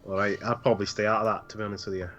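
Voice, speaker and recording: A man's voice: flat delivery, rapid-fire, fairly bright tone, highs cut off, a little hiss or hum, close to an everyday voice. A man doing a blunt, dim dwarf mercenary. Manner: blunt and crude, low mumbling asides.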